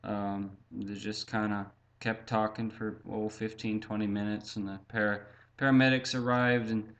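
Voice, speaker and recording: A man recounting his own past in a halting, reflective way, full of fillers and restarts, often speaking of himself in the third person. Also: lowish voice, level tone, a bit bright. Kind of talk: personal storytelling.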